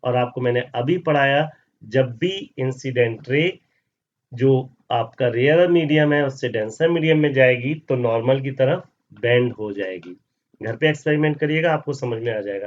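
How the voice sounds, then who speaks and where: A male science teacher explaining a lesson, often asking questions and answering them himself and calling students "beta". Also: medium pitch. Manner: mixes Hindi with English terms. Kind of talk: classroom lesson explaining over slides. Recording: slightly dull audio.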